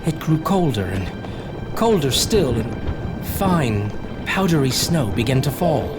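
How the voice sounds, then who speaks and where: Anxious young clerk, Jonathan Harker, lively pitch. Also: male voice, music in the background. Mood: tense dread. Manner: hesitant, foreboding, with halting repetitions. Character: anxious young English lawyer's clerk recounting his journal. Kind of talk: dramatic audio drama narration. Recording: clear background noise, carriage ambience.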